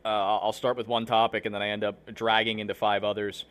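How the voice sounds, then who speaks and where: A man's voice: fairly low pitch, level tone, fast, fairly bright tone, clear, resonant tone. A man hosting a live online show, talking casually and rambling with many fillers while fighting hiccups. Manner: rambling, filler-heavy, restarts often. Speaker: livestream show host. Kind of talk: casual livestream talk to viewers.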